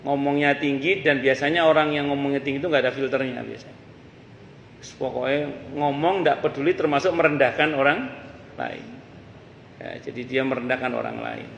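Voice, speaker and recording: Gravelly man preaching. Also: medium pitch, normal speed, fairly bright tone, slight background noise. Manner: conversational, uses folk sayings and asides. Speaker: ustadz teaching a mosque study circle. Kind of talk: religious study lecture. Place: mosque hall. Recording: echoey mosque hall with faint ambience.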